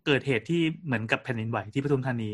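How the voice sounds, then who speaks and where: A man's voice: mid-range voice, very fast, fairly bright tone, slightly rough. A man co-hosting a podcast, telling a story in casual chat with frequent restarts and fillers. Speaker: podcast co-host.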